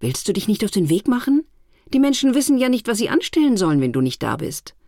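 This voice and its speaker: A woman voicing a cheerful, teasing festive day in a storybook, with a loud, jolly delivery and a husky voice. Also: medium pitch, big pitch swings, fast, no room sound, clean studio sound. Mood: urging.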